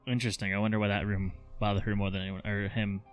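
A man's voice: fairly low pitch, level tone, fast, dull audio, soft background music. A man co-hosting a casual podcast who reacts with jokes, swearing and frequent laughs. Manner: joking, profane, laughs often. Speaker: podcast co-host.

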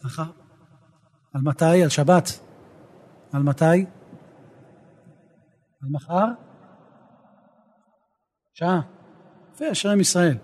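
A rabbi teaching a Torah lesson, an animated storyteller who rises to emphatic outbursts. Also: male voice, on the high side, pauses often.

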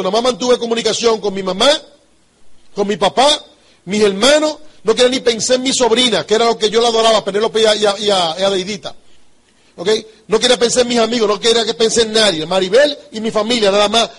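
Speaking with a Dominican Spanish accent, this male business trainer has a high voice with a fairly bright tone. His motivational business talk is emphatic and repetitive, full of rhetorical questions aimed at the audience.

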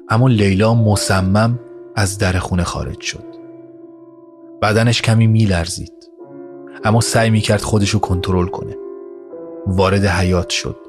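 Guy reading a story, low steady voice, music playing under him. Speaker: narrator. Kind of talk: scripted audio story narration. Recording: narration over music score. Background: music score.

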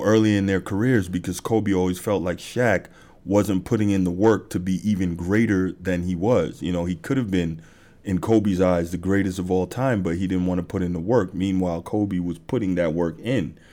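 A man's voice: deep voice, steady tone, normal speed, mellow. A man hosting a sports podcast, talking through basketball stories in a loose conversational way with many fillers. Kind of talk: casual monologue.

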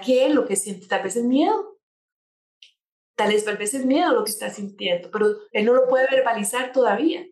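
A woman speaking as a coach on changing attitudes, explaining her points with rhetorical questions and everyday examples. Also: a little high. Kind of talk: conversational talk show guest. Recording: echoey room.

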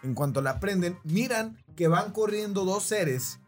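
A man's voice: high voice, expressive, a little slow, soft background music. Rambling Mexican man telling a story. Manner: rambling, keeps checking in with listeners. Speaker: podcast host. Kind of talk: casual storytelling.

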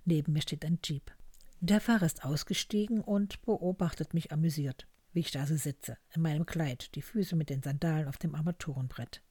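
A woman narrating a first-person story in a calm, measured way. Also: deep voice, husky, no echo.

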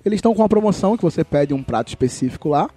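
A man co-hosting a casual podcast, telling stories lively and laughing often. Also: a little high, racing, breathy edge, faint music behind. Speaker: podcast co-host.

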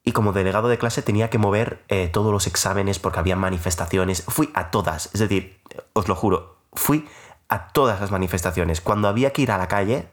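A man's voice: lowish voice, quick pace. A young man in his twenties hosting a podcast, telling a personal story in a casual, rambling, self-mocking way with many filler sounds.

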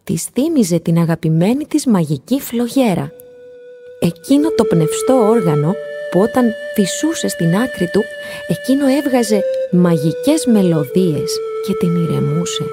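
A woman reading a children's story aloud in a gentle, expressive storytelling voice. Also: fairly low pitch, over music. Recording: long hall reverb.

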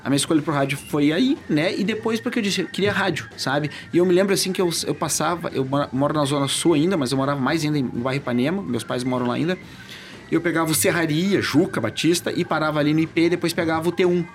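A man with a Gaúcho Portuguese accent, a radio journalist telling stories in a casual interview, animated and acting out dialogue. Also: a little high, fast. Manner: animated, acts out quoted dialogue.

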